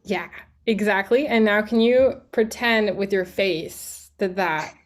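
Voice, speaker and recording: A woman's voice: mid-range voice, takes it slowly, loud music behind the voice. A woman coaching a young string player in a studio class. She talks in a chatty, encouraging way, sings out phrases to show what she wants, and fills her sentences with "like" and "um". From Canada. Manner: encouraging, chatty, many fillers and sung examples. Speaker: music teacher.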